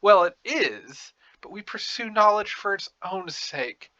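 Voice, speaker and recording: A man voicing an ingratiating necromancer ambassador from a fantasy game, halting and eager to persuade. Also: sits high, animated, sharp tone, no echo, muffled recording, voice pushed up, full character voice.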